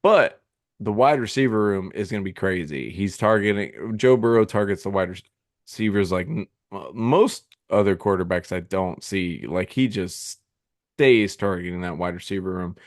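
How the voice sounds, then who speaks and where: Low-voiced guy w hiccups rambling about football, lots of ums, dry close mic. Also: moderate pace, no room sound. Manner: rambling, filler-heavy, frequent restarts. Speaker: podcast co-host. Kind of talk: casual fantasy football chat.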